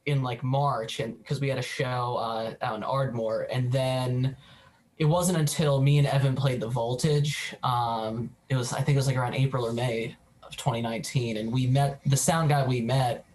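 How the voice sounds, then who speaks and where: A man's voice: mid-range voice, fairly even intonation, moderate pace, a little mellow, slight background noise. A young man in his twenties, a guitarist, telling a story casually in an interview with frequent ums. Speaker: band guitarist.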